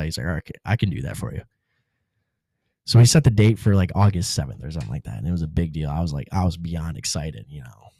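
A man's voice: sits low, warm tone, dry recording, clean studio sound. A man guest on a podcast, telling a personal story in a casual, laid-back way, full of slang like "dude" and "bro".

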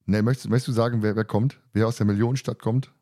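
This man speaks fast in a lowish, dark voice with fairly even intonation, hosting and moderating an informal podcast chat with co-hosts. The tone is colloquial and slightly crude.

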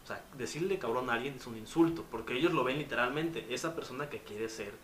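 Speaking fast in a mid-range voice, a young man with a Mexican accent spins stories full of slang in a casual chat, animating each retelling. Faint noise and a roomy sound fill the recording.

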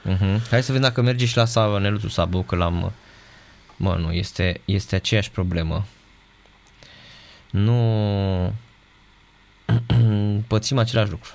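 Low gravelly male sports host. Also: long pauses, darkish tone. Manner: hesitant, many fillers. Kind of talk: casual sports talk.

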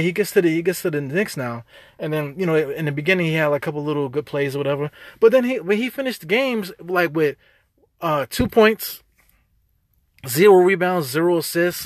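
A podcast host with a New York accent goes on an unscripted sports rant, fired up and rambling in streetwise slang, repeating words as he gets worked up. His voice is fairly high, expressive, a bit bright and fairly quick, captured in a dry, studio-quality recording.

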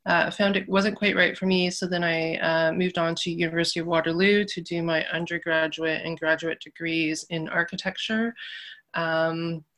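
A woman in her thirties, an architect talking modestly over a remote call, with many pauses and fillers. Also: fairly low pitch, steady tone, a bit bright. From Canada. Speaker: architect and guest. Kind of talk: casual interview.

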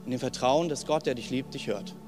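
A young man preaching a sermon in a personal, emphatic way, dropping to soft lines and rising to loud ones. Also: mid-range voice, fairly quick. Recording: long hall reverb with faint music.

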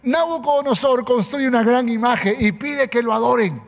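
A man's voice: extremely high pitch, normal speed, creaky. A man preaching a sermon with emphatic repetition, calling on the congregation for an amen. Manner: emphatic, calls for amen, repeats phrases. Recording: long hall reverb.

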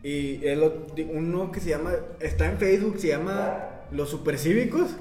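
A fairly high-voiced man tells stories in casual chat, full of crude slang and laughter. The room sounds echoey, with music playing clearly behind him. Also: normal speed, a little mellow. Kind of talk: casual chat among friends.

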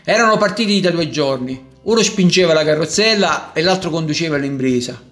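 A man narrating a children's storybook in a gentle, measured way. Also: a little high, expressive, faint music behind.

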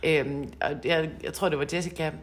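A woman with a notably low voice, hosting a relaxed podcast chat. She is a coach and talks in a warm-hearted, rambling way, laughing and repeating words as she goes.

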